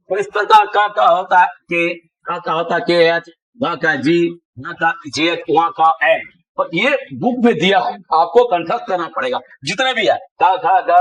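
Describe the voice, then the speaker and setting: A man's voice: high-pitched, a bit bright, rough recording. A man teaching a spelling lesson who drills letters and syllables aloud in long lists. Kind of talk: classroom-style spelling lesson.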